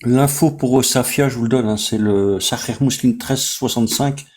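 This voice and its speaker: Male, medium pitch, casual and informative live-discussion contributor. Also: normal speed, darkish tone.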